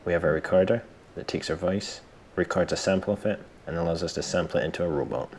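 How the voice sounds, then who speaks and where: Speaking fast, a tutorial presenter with an extremely low voice and plenty of gravelly fry walks through some software. He thinks aloud in a casual, self-deprecating way, with faint background noise underneath.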